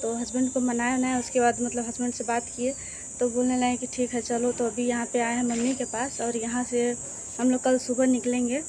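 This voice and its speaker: A woman's voice: fairly high pitch, completely flat delivery, brisk, warm tone, a little hiss or hum. Chatty woman vlogger, Bhojpuri-tinged Hindi. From eastern Uttar Pradesh, India. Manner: chatty, repeats "what to say" often. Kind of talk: casual vlog chat. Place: outdoors at a village home.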